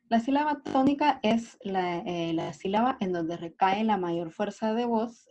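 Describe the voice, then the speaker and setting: Mellow-voiced teacher reviewing a lesson. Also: female voice, mid-range voice. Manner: explains step by step, often asks "¿verdad?" and "¿sí?". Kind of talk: recorded class review lesson. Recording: dull lo-fi recording.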